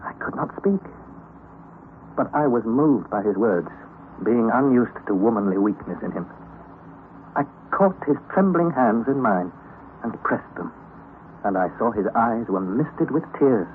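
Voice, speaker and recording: A fairly low male voice with lively intonation, unhurried and pausing often, voices the narrator and nephew in an old radio drama. The actor plays a young man earnestly and dramatically describing his grueling underground expedition. The old recording sounds tinny and carries a faint hiss.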